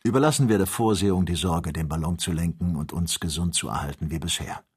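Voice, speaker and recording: A man's voice: sits low, quick pace, a little mellow, slightly rough. A man reading the part of a keen, amiable male hunter on a balloon expedition. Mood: friendly.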